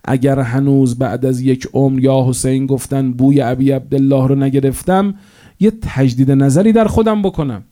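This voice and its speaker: A man preaches a sermon with passion, telling stories and building to emphatic, rising peaks. His voice is mellow and dark. He speaks at a middle pitch. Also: fairly even intonation. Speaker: cleric preacher.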